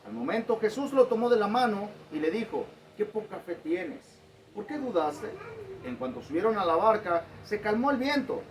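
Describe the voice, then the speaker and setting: A man with a high voice reads scripture aloud and then explains it to his congregation in a plain, easygoing way. He sounds set back from the mic, with a faint hiss in the background. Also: very animated, normal speed. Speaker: pastor. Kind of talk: sermon with Bible reading. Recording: distant mic with faint noise.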